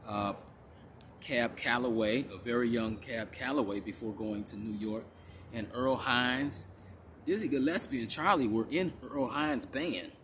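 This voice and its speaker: A man narrating a casual walking tour inside a large store, halting often with fillers and restarts. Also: medium pitch, a bit bright, slight background noise. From Chicago area. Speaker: vlogger.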